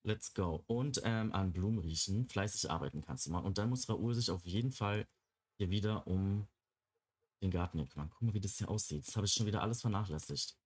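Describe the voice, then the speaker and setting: A young man with a fairly low voice talks his way through a life-simulation game. He chats along casually and slips into cooing baby talk for the animals and characters on screen. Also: a little fast, slightly rough. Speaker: Let's Play gamer. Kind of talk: casual gameplay commentary.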